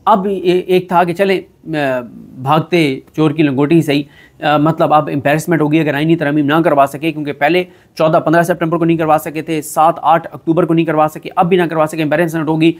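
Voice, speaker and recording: A man giving a solo political commentary. He talks in an animated, emphatic way, often pausing with fillers. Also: fairly high pitch. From Pakistan.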